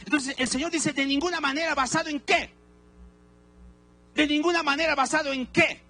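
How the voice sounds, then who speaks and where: A man preaching a Sunday sermon in a church, his voice unusually high and bright with a sharp, forceful edge. He presses his points emphatically and has the congregation repeat phrases after him, with soft music faint behind. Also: steady tone, moderate pace. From Peru. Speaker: pastor. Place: church sanctuary.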